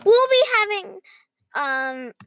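A woman's voice: very high voice, very animated, slow pace, fairly bright tone. A young girl co-hosting a podcast, chatting casually and reading out quiz questions. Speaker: podcast co-host. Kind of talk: casual podcast chat, reading quizzes aloud.

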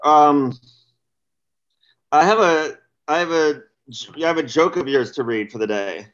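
Loose-talking podcast co-host, lo-fi sound. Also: male voice, a little high, unhurried, fairly bright tone. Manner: loose, rambling, with restarts and laughs. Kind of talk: casual chat. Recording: dull lo-fi sound.

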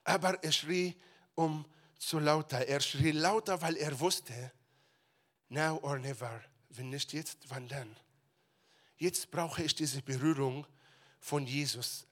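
Bright-voiced preacher with dramatic outbursts. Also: male voice, on the high side, measured pace. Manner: dramatic, swings between shouted retellings and quiet asides; mixes English phrases into German. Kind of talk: sermon.

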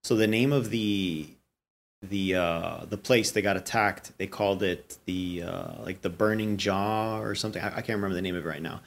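A man in casual chat, reviewing a TV episode, animated and swearing casually as he acts out characters' lines. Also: sits low, normal speed, vocal fry. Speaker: podcast co-host reviewing a show.

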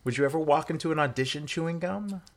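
A young man with a fairly high voice talks fast while co-hosting a podcast with his partner. In this casual couple chat, he teases her with dry banter.

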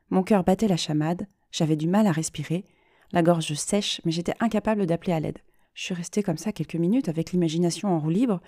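A woman's voice: lowish voice, warm tone, dry recording, studio quality, close to an everyday voice. A woman reading the part of an anxious, shy young woman who confides her fears hesitantly to a therapist. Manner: hesitant, self-doubting confiding.

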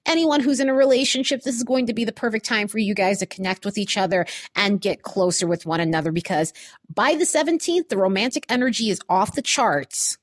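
A woman's voice: mid-range voice, brisk. A woman giving a casual, upbeat astrology forecast in an informal, chatty way, recorded on a phone voice recorder like a dictaphone. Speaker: astrology video host. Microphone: phone voice recorder app.

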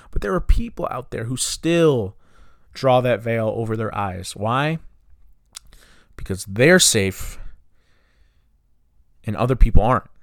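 A man's voice: fairly low pitch, no room sound, studio quality. A man in his twenties hosting a solo podcast, talking with frustration and firing off rhetorical questions. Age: 20s. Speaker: podcast host.

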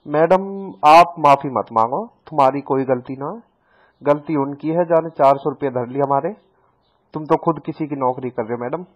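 A man with a rural North Indian, Haryanvi-influenced accent making a comic phone call in a folksy, rambling, deadpan way. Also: a little high, moderate pace. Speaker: prank caller.

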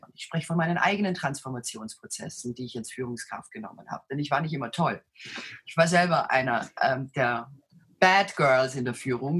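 Give this guest a woman's voice that is strikingly deep and low, with a heavily husky grain. She speaks as a self-assured leadership coach with a commanding presence, explaining her work conversationally in an interview. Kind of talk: conversational interview answers, storytelling.

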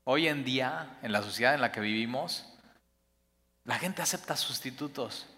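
A man delivers a sermon in a bright, forceful voice. He swells to emphatic peaks and then sinks almost to a hush. A long reverb trails behind him, as in a church hall. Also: mid-range voice, normal speed. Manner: expressive, rising to emphatic peaks then dropping soft. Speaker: pastor.

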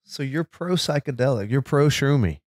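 A man in his fifties co-hosts a casual podcast chat with a teasing, joking manner. His voice sits at a middling pitch, recorded close and dry with no room sound. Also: expressive, normal speed, darkish tone, dry recording. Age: 50s. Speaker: podcast co-host.

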